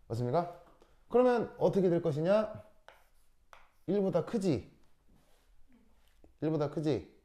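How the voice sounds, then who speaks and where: A man's voice: a little high, very animated, slow pace, pauses often, dark tone. A man teaching a chemistry class, lecturing and drilling pronunciation, often asking whether students follow. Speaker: high school chemistry teacher.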